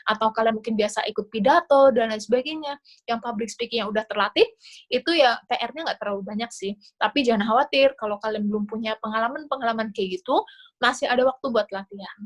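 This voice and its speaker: A woman's voice: fairly high pitch, quick pace. A woman with an Indonesian accent gives casual, chatty advice to a class on a video call. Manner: casual, chatty explaining with fillers. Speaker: scholarship interview coach. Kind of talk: online class talk.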